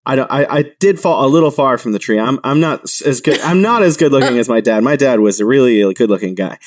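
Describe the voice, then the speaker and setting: A man's voice: medium pitch, lively intonation, fast talker, dry recording, recorded from a distance. Rambling man a bit off the mic. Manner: rambling, many restarts and "like". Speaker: podcast co-host. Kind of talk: casual podcast chat.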